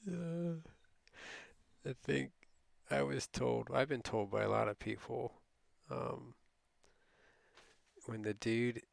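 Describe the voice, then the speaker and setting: A man's voice: medium pitch, fairly even intonation, slow pace, creaky, pauses often, no room sound. A middle-aged man telling a rambling, casual late-night story as a streamer, often laughing and quoting people.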